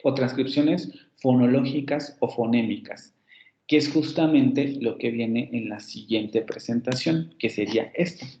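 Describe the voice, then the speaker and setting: Man explaining slowly in a dull room. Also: mid-range voice, a little mellow, echoey room. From Mexico. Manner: explanatory, repeats example words, fillers and self-corrections. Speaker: university phonetics teacher. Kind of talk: online lecture.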